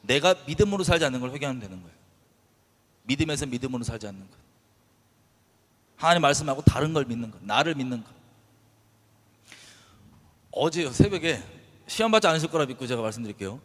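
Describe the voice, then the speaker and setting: A man preaching a sermon as pastor. He talks with passion, drops to soft low asides, then breaks out loudly. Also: expressive, fast, pauses often, big-room sound. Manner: impassioned, shifting between soft low asides and loud bursts.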